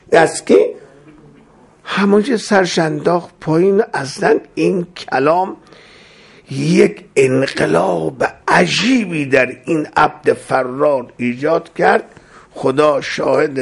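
A man's voice: on the high side, gravelly, husky. A male preacher telling a dramatic story in a sermon, quoting Arabic scripture.

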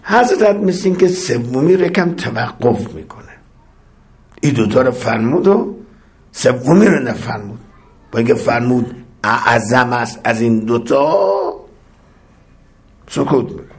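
A man's voice: expressive, long pauses. A man preaching a religious sermon in a mid-range voice. He chants lines of Arabic prayer and explains each one, and his voice climbs into fervent, ringing cries as phrases repeat. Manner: recites Arabic prayer lines, then explains them in Persian; builds to impassioned high-pitched cries on repeated phrases.

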